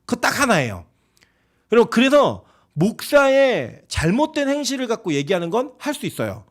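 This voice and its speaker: A man's voice: extremely high pitch, big pitch swings, moderate pace. A man preaching a sermon as pastor, emphatic and conversational, often asking the congregation rhetorical questions.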